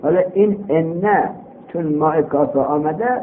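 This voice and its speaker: A man teaching a grammar lesson, reading a text aloud in drawn-out phrases, explaining it and asking his own questions, on an old worn tape. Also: a little high. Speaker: teacher in a religious seminary. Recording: old worn tape, muffled narrow band, faint noise.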